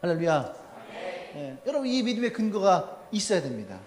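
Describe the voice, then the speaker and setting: A male pastor preaching a sermon to his congregation, animated and often acting out the people in his stories. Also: sits high, brisk. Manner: animated, acts out quoted people with shouts and laughs. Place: church sanctuary. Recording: echoey church hall.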